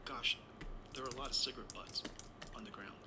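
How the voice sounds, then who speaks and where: A man's voice: medium pitch, fairly even intonation, a little fast, background noise. A Taiwan-born man in his sixties, an interview guest telling a long personal story in a rambling way, often correcting himself. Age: 60s. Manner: rambling, anecdotal, with self-corrections. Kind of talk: conversational storytelling.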